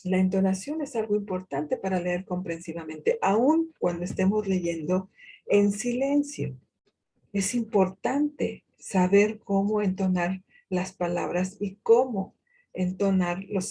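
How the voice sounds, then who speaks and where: A woman giving a university lecture in a deliberate way, posing rhetorical questions to herself and pausing often with hesitations. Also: medium pitch, dark tone, slightly rough. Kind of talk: recorded lecture on reading comprehension.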